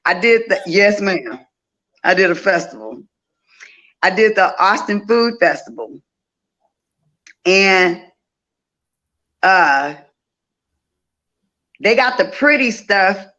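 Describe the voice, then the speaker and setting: Speaking slowly with long pauses, this woman has a mid-range, animated voice with a sharp tone, and the audio is dull. A Louisiana festival organizer in her 50s, she's an interview guest who tells stories casually and repeats phrases for emphasis.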